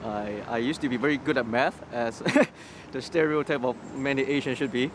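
Standing outdoors by a graffiti-covered wall on a city street, a young man from Hong Kong shares his personal testimony as an interview guest. A native Cantonese speaker, he talks at normal speed in a mid-range voice, frequently starting over and repeating himself. City traffic and street noise can be heard behind him.

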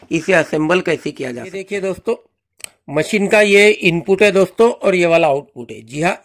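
A man hosting his own channel, walking viewers through a hands-on product demo in a friendly, instructional way, often repeating a set phrase. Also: high-pitched. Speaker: channel host demonstrating a car washer.

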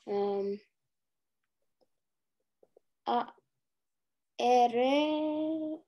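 Woman, student, breathy voice, very slow, tentative. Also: on the high side, mellow. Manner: tentative, answers in single words. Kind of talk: hesitant reading aloud in a lesson.

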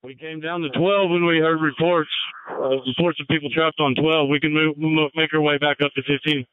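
Man, firefighter radio reporting, terse, crisp and dry voice, thin two-way radio channel. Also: fairly high pitch, flat delivery, moderate pace, no echo. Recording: tinny, narrow-band fire radio channel.

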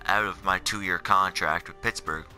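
Speaking a little slowly with fairly even intonation, a tired late-teen gamer, seventeen years old, rambles casually about his career mode in the middle of the night. His low voice has a sharp tone, laid over game menu footage with music.

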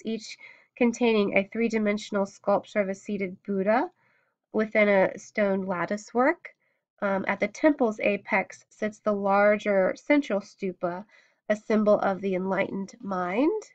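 A woman's voice: mid-range voice, creaky. A woman lecturing on art history in a recorded class, hesitating often with many ums and restarts. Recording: dull lo-fi recording.

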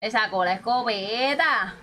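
A woman's voice: fairly high pitch, measured pace, pushed and bright, a little hiss or hum. A woman, chatting and teasing her teammates and viewers while streaming a game. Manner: chatty and teasing, calls viewers "corillo" and "bebesote". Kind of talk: casual gaming livestream chat.

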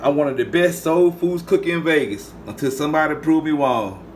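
A man from the Southern United States runs a cooking channel and talks casually to the camera while cooking at home, greeting his viewers as "y'all." His voice is a little high and fairly quick, with slight background noise behind it.

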